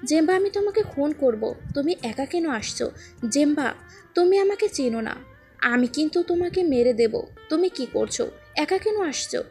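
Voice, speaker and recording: A woman's voice: high voice, lively intonation, normal speed, darkish tone, faint music behind. A woman voicing a desperate young wife who wails and pleads. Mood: furious. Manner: frantic, wailing and pleading.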